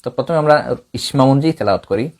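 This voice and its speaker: A middle-aged man from Bangladesh, a Quran recitation teacher giving a tajweed lesson in a measured, explaining way, now and then breaking into chanted recitation. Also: medium pitch, animated, creaky, a little mellow.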